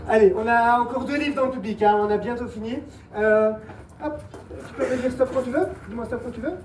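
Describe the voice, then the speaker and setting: A woman's voice: fairly high pitch, brisk. A woman performing a mentalist act on stage, playfully guiding audience volunteers and patiently repeating her instructions. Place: live show venue with audience. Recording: echoey, distant mic, noisy live room.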